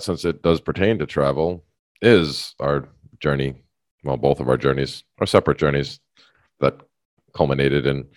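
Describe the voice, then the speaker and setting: A man with a very low, deep voice co-hosts a casual podcast, rambling and restarting his sentences as he goes. He laughs often. The sound is dry and close, with no room echo. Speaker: podcast co-host. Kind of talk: casual chat.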